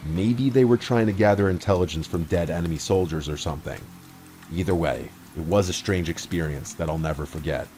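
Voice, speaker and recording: A man narrating a horror story in a measured, brooding scripted delivery. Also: low-pitched, darkish tone, faint music behind.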